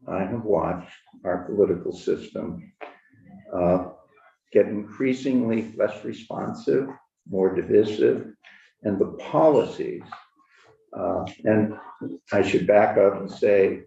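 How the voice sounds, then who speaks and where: Old guy in his 80s testifying through a face mask, gravelly and low, far off in an echoey room. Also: unhurried, dark tone. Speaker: witness testifying at a committee. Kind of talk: informal public testimony. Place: indoor committee room. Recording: distant, dull, echoey room microphone.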